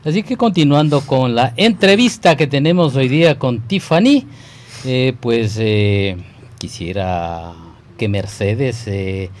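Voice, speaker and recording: A man's voice: medium pitch, expressive, takes it slowly. A man hosting a live radio show, chatting casually and hesitating with many fillers. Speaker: radio host. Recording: faint background noise.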